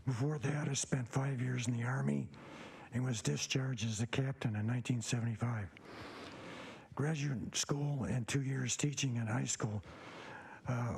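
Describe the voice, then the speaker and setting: A man in his seventies with a hoarse, raspy, papery near-whisper, giving a prepared self-introduction in a halting, measured way. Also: medium pitch, darkish tone, low-quality recording. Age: 70s. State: hoarse, recovering voice after a throat tube. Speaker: commission member.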